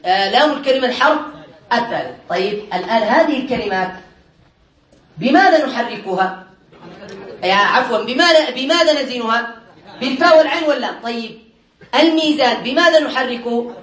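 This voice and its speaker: High-voiced man teaching in an echoey room. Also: fairly bright tone. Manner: drills students by asking questions and answering them himself; repeats key terms slowly and deliberately. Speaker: Arabic grammar teacher. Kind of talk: classroom lesson.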